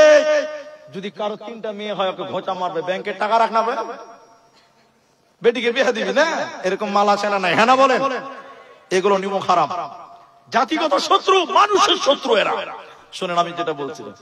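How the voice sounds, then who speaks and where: A man's voice: high-pitched, fast. A man with an Assamese Bengali accent preaching a sermon from a stage mic, fervent and rhetorical, chanting verses and joking with the audience. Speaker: Islamic preacher at a night religious gathering. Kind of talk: Bengali waz sermon with storytelling. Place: outdoor stage at a large night gathering. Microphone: stage microphone. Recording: loud crowd around a stage PA. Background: crowd of listeners.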